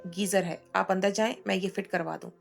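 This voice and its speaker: A woman voicing an affectionate grown son who gently reassures his mother. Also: mid-range voice, steady tone, brisk, vocal fry, soft background music. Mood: gentle.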